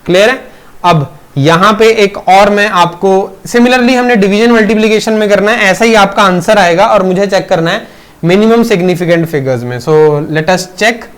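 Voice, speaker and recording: A male physics teacher with a fairly high voice walks students through a lesson one step at a time. He keeps asking them questions to check they follow, and he switches freely into English terms as he goes. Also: normal speed, fairly bright tone. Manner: mixes Hindi with English terms, addresses students as beta. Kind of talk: classroom lecture. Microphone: teaching video recording.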